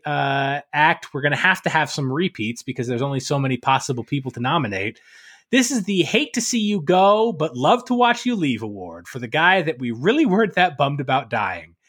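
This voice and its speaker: Lively, animated male podcast co-host. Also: a little high. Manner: lively, bursts into loud dramatic reading. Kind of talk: casual chat about a play.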